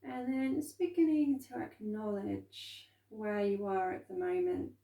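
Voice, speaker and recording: Slow, calm woman guiding a grounding exercise. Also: mid-range voice. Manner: calm, gentle, unhurried instruction with soft pauses. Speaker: meditation and movement instructor. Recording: roomy echo, distant from microphone.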